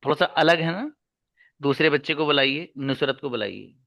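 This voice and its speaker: A male teacher gives an online class with a bright, forceful tone, emphatic and direct, reaching for examples as he explains. The sound is dry and close. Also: a little high, expressive, moderate pace, creaky, no echo. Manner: emphatic, addresses listeners as brother, switches into Arabic and English examples. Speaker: English teacher.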